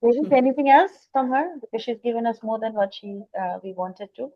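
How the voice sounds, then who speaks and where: A woman's voice: fairly high pitch, fairly quick, no echo, lo-fi sound. A woman organizer thanking the trainer at the end of a workshop, speaking over a video call.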